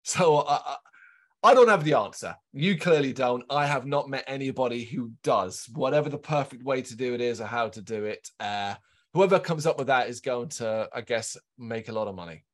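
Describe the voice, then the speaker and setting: Measured male podcast interviewer. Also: mid-range voice, expressive. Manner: measured, thoughtful questions.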